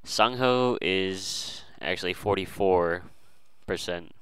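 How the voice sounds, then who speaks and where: A man's voice: deep voice, takes it slowly, a bit bright, smooth, dry recording, low-quality recording. A man casually commentating a strategy game, hesitant and full of fillers and restarts.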